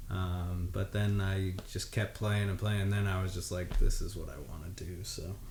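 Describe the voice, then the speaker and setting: A man in his twenties, a drummer guest, telling his story in a relaxed, loose way full of fillers. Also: low-pitched, normal speed. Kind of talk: casual interview chat. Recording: echoey room with faint noise.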